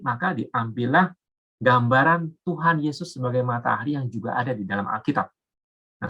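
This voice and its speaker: Bright husky man teaching casually. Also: medium pitch. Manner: explains step by step, with filler words. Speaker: Bible teacher.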